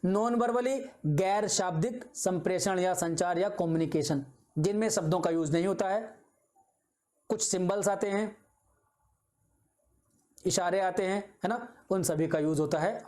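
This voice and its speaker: A man's voice: sits high, normal speed, dark tone. A man teaching an exam-prep video lecture. He explains patiently with simple examples, repeats his points and keeps checking in with his students.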